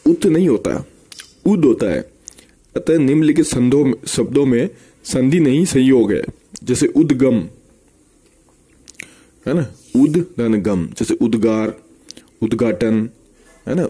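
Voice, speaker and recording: A man teaching a grammar lesson for exam preparation, breaking each example word into parts and repeating it slowly with tag questions. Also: mid-range voice, dark tone, husky.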